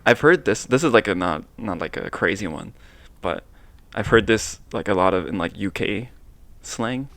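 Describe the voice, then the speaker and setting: A young man co-hosting a relaxed two-person chat show. His voice has a gravelly, fry-tinged edge, and he talks in a playful, teasing way, often drawing out and repeating single words. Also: fairly low pitch, no room sound. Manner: playful, teasing, drawn-out repetition. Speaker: co-host. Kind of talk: casual chat.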